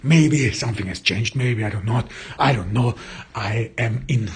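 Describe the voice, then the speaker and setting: An Austrian podcast host whose first language is German delivers a casual solo monologue, searching for words in his second language. His voice is very husky and mid-range, at a normal speed.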